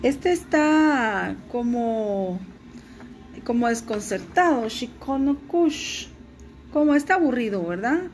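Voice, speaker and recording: A woman teacher giving a recorded class lesson, speaking slowly and deliberately and spelling out pronunciation for her students. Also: on the high side, animated, darkish tone, slight background noise. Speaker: language teacher.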